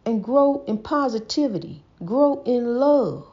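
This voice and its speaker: As host of a casual inspirational preaching monologue, a woman who says she stutters gives a folksy talk, repeating herself and calling the listener honey. Her voice is a little high, with lively intonation and a measured pace. The recording is dull and lo-fi.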